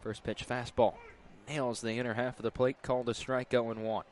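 A man delivers live baseball play-by-play in a mid-range voice. His phrasing is clipped and terse, and clear outdoor ballpark noise runs behind him. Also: medium pitch, little pitch movement, brisk, a little mellow. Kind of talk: live play-by-play sports commentary. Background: outdoor ballpark ambience.

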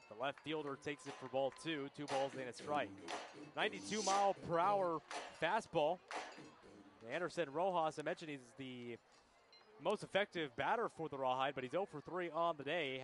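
A man doing live baseball play-by-play commentary for a radio broadcast. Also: on the high side. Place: ballpark broadcast booth.

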